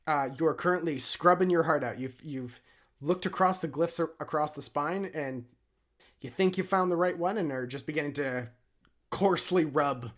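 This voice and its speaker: Casual dungeon master narrating. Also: male voice, fairly high pitch, normal speed, fairly bright tone. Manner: casual, many fillers and "like". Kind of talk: narrating a tabletop game.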